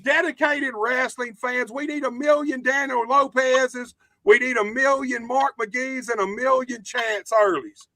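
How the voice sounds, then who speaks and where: A man's voice: very high voice, steady tone, measured pace, few pauses, sharp tone, no room sound. A man with a Southern US accent hosting a casual, profane wrestling chat, his voice cracking. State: voice cracking after flu in the household. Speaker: host of a wrestling interview show.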